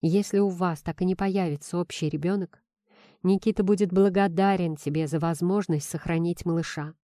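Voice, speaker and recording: A woman's voice: on the low side, fairly even intonation, moderate pace, mellow, no echo, studio quality, close to an everyday voice. A woman reading an audiobook, voicing a blunt, teasing young female friend who talks sardonically and earnestly. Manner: sardonic, pointed, then earnest.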